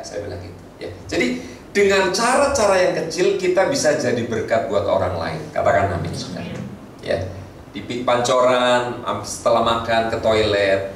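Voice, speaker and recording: A middle-aged pastor from Tegal, telling stories in a chatty sermon and speaking to the congregation. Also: male voice, mid-range voice, recorded from a distance, a little hiss or hum. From Tegal, Central Java. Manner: storytelling, lively, chatty asides to the congregation. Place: church hall. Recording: echoey hall, mic from afar.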